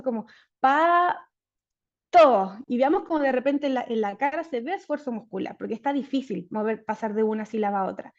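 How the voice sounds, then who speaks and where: Woman lecturing over dull lo-fi call audio. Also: high-pitched. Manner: clear explanatory, steady teaching pace. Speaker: speech therapist presenter. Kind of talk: online lecture presentation. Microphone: video call.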